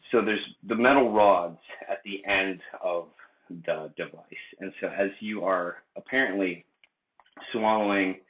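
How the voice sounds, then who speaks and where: A man in his late twenties from the United States, rambling through a casual vlog with lots of fillers and restarts. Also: deep voice. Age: late 20s. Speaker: vlogger. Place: indoor room. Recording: echoey room, tinny phone-like sound.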